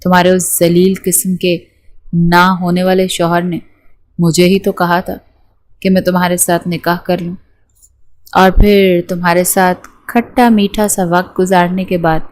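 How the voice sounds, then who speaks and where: A woman's voice: lowish voice, little pitch movement, natural voice. A woman reading as a bossy mocking young groom. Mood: teasing. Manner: scolding, teasing.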